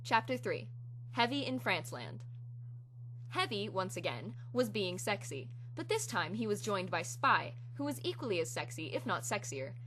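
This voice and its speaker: A woman narrates a story in a hammy, theatrical way, as a dramatic reading. Her pitch is middling for a woman. A noticeable hum sits behind her voice. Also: big pitch swings, normal speed, a bit bright, rough recording. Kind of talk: dramatic reading of fan fiction. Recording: clear hum and background noise.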